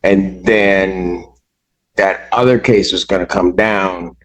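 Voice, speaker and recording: A man serving as a judge, speaking from the bench in a courtroom recording, halting and restarting his sentences as he grows exasperated. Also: low-pitched, fairly even intonation, a bit bright, poor audio.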